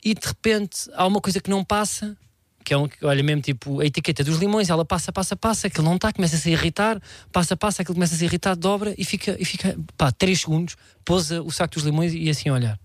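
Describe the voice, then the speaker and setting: A man with a European Portuguese accent tells a comic story on a radio show. He talks fast in a fairly high voice and mocks himself as he goes. His voice is recorded close and dry in the studio. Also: no echo. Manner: animated, self-mocking, laughs through the telling.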